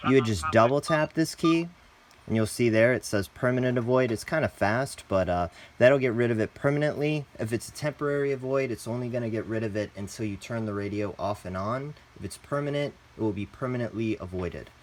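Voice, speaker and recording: This tutorial presenter is a man with a mid-range voice who speaks fairly quickly. He guides viewers through a product step by step in an easygoing, no-frills way, calling them "guys."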